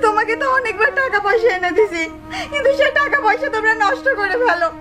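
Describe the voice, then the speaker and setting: An actress playing an abused young pregnant wife, pleading through tears. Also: female voice, very high-pitched, expressive, fast talker, music in the background. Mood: tearful pleading. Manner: tearful, pleading.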